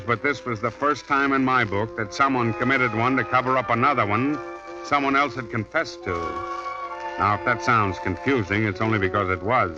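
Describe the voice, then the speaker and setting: A man's voice: lowish voice, lightly acted. The Fat Man, an actor playing a wry hard-boiled detective. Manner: wry, tough, sardonic. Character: wisecracking hard-boiled male private detective. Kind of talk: 1950s radio detective narration. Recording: dull old radio broadcast with music.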